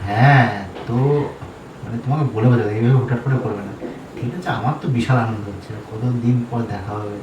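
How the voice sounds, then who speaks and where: A young man from Bengal, co-host of a prank channel, talking casually and quickly and protesting defensively during a staged couple prank. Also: mid-range voice, fairly even intonation. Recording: echoey room, distant mic, background noise.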